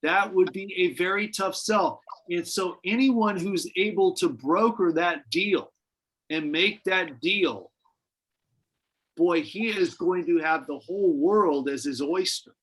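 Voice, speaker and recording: A man's voice: sits high, slow pace, a bit bright, slightly rough, poor audio. Man teaching a Bible study, conversational. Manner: conversational, speculative, many restarts. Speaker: pastor.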